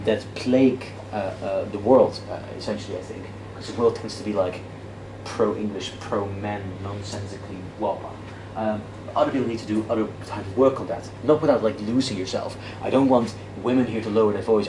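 In an indoor classroom with a projector screen, a man in his thirties, a native Dutch speaker with a voice on the low side, gives an interactive debate workshop lecture. He's relaxed and pokes fun at himself, restarting often and using plenty of fillers while walking and gesturing. Audio comes from a far camera and is noisy and echoey.

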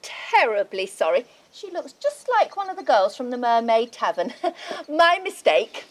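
A woman playing a sharp-tongued, scheming Lady Macbeth in a comic film, bossy and sarcastic. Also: a little high, big pitch swings, roomy sound. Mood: gushing. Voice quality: brisk, scolding, sarcastic. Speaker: actor in a comedy film. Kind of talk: comic stage acting.

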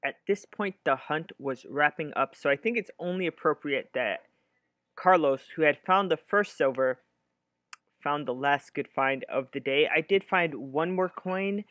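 A man's voice: fairly high pitch, measured pace, sharp tone, dry recording. A young man explaining his finds in an earnest recap voice-over recorded at home. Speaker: metal detecting vlogger. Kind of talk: voice-over narration. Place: home room.

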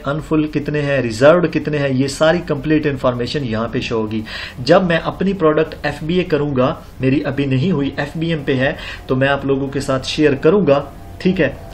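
A man's voice: fairly high pitch, moderate pace, slight background noise. A man narrating a screen-recorded seller tutorial, explaining step by step with many fillers and check-ins. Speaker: online seller tutorial host. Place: indoors at computer, voice-over on screen recording.

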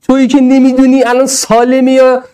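A man's voice: extremely high pitch, monotone, warm tone, clear, resonant tone. A middle-aged male teacher giving a classroom lecture, chanting drills and joking with the students.

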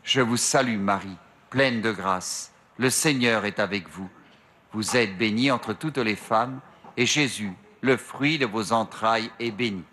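A middle-aged male priest leading the rosary at an outdoor grotto shrine, reciting prayers slowly into a lectern mic. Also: fairly low pitch, sharp tone, slight background noise. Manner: slow measured prayer recitation. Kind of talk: slow recited prayer and meditation. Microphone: stand mic at a lectern.

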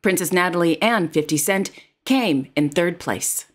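Woman, royal news narrator, formal read, slightly low pitch. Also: unhurried. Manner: formal, reads titles and quotes carefully.

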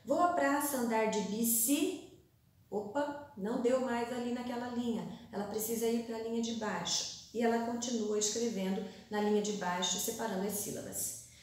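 A woman teacher giving a recorded classroom lesson, reading aloud and sounding out words slowly, syllable by syllable. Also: fairly high pitch, steady tone, darkish tone, a little hiss or hum. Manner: slow, deliberate, stretches words syllable by syllable. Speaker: primary school teacher. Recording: very echoey room, voice far from mic.

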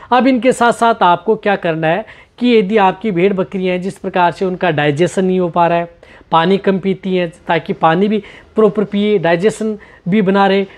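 A man's voice: high-pitched, darkish tone. Man, goat care host, instructional talk, patient, repetitive, step by step.

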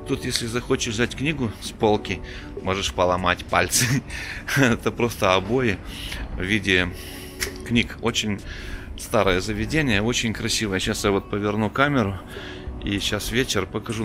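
A middle-aged man giving a chatty, unhurried walking tour of city streets at night, coughing now and then, filmed on a handheld camera. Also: on the low side. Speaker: vlogger. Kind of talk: casual walking tour commentary.

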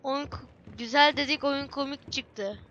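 High bright chatty woman gamer. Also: unhurried, highs cut off, a little hiss or hum. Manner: chatty, excitable, talks to herself and viewers. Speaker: gameplay streamer. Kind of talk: let's play commentary.

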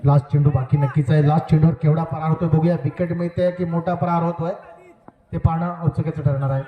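A man giving live commentary on a local cricket match over an outdoor loudspeaker, joking and repeatedly asking the crowd to cooperate. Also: fairly high pitch, level tone, quick pace, reverberant, phone-quality sound. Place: outdoor village cricket ground. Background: crowd at the ground.

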